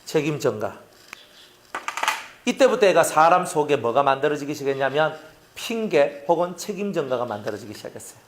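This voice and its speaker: A man's voice: on the high side, very animated, fairly quick, a little hiss or hum. A male pastor preaching a sermon, often acting out quoted voices and talking with his congregation. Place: church.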